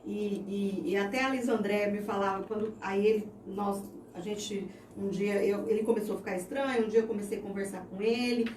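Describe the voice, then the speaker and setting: A woman's voice: medium pitch, fairly even intonation, brisk, hardly any pauses, a little mellow. A woman in her thirties with a Brazilian Portuguese accent, giving a heartfelt personal faith testimony as an interview guest. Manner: earnest, heartfelt storytelling. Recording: echoey room, distant mic, faint noise.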